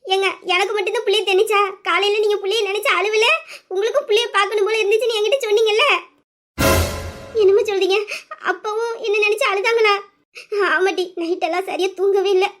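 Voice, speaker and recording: A woman's voice: extremely high pitch, fairly even intonation, fast, fairly bright tone. A woman voicing a loving middle-aged mother who speaks in a heartfelt, homely way about her married daughter. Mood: chiding.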